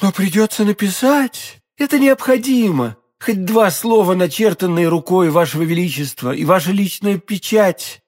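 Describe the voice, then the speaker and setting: A man's voice: sits high, normal speed, few pauses, a little mellow, voice pushed up. A man reading an audiobook, voicing a frightened proud queen with anxious, pleading outbursts.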